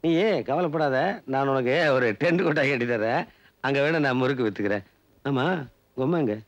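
A man's voice: mid-range voice, brisk, dull audio, lightly acted. An actor playing a gray-haired village man who grumbles and teases in a film scene. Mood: grumbling.

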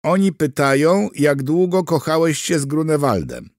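A man voicing a flustered woman interpreter who speaks in a raised, hurried voice. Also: a little high, animated, darkish tone, no echo, studio quality, voice pushed up. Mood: flustered eager. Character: flustered female interpreter with shaky school German.

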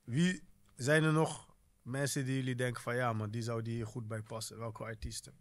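A man's voice: medium pitch, flat delivery, moderate pace. A man hosting a podcast, talking casually and frankly, stressing that he is honest. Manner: frank, keeps saying he is being honest.

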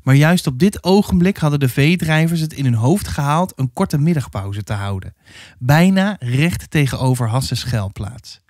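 A man reading a historical novel aloud with steady, dramatic storytelling. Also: mid-range voice, no room sound, studio quality. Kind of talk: audiobook narration.

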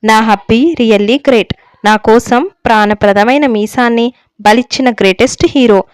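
A woman voicing a shy, teasing young bride who coaxes her husband gently, in a storybook reading. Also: a little high, moderate pace, clean tone, dry recording, lightly acted. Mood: fond. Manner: coy, gently coaxing.

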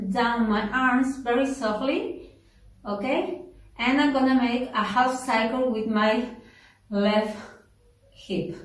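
A woman teaching a dance class, counting steps and giving cues in a room with no mirror. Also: fairly high pitch. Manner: counts steps aloud and switches between Spanish and English. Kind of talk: online dance class instruction. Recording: roomy echo, mic far off.

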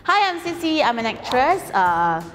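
A woman's voice: high voice, very animated, normal speed, in a large hall, music in the background. A woman actress and host cheerfully introducing herself to trainees. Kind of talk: self-introduction on camera. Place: studio set, seated.

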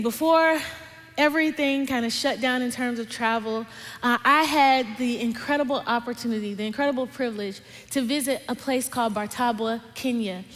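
Woman preaching in a reverberant auditorium. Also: a little high. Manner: dynamic, conversational preaching, drops to soft emphasis. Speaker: guest speaker at a church. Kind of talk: sermon. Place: large church stage with lights and screens. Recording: long hall reverb from a big auditorium.

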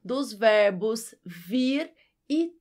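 A woman from Brazil with a Brazilian accent, teaching a scripted grammar lesson and spelling out syllables clearly. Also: a little high, animated, darkish tone. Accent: Brazilian Portuguese. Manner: slow, clear, syllable-by-syllable explanations. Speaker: Portuguese teacher.

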